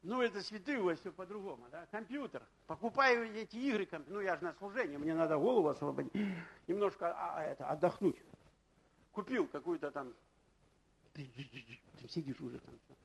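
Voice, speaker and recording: Husky high-voiced preacher man, gravelly. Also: lively intonation, brisk, low-quality recording. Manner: anecdotal, keeps asking the congregation "right?". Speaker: pastor. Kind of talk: conversational sermon.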